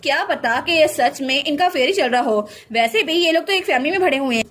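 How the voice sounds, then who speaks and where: A woman's voice: high voice, animated, a little fast, a bit bright, a little hiss or hum. A snide gossiping noble lady, read by a woman.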